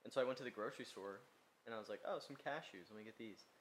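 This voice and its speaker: Young male podcast co-host, jokey and quick with quips, faint hiss behind. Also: fairly low pitch, a bit bright. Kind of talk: casual chat.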